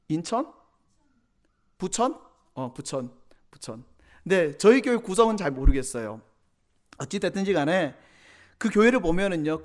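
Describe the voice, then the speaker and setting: A man's voice: on the high side, a little mellow. A male pastor preaching a Sunday sermon to young adults, teasing the congregation with questions and acting out quoted church members in changed voices. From Korea. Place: church sanctuary.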